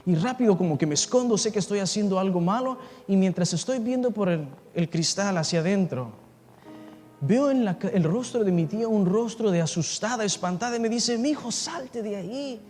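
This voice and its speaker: A man's voice: high-pitched, animated, brisk, darkish tone. A male pastor preaching an impassioned sermon to students, telling a story and speaking directly to his listeners. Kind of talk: evangelistic sermon, personal story. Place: large assembly hall before students. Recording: reverberant hall with faint music.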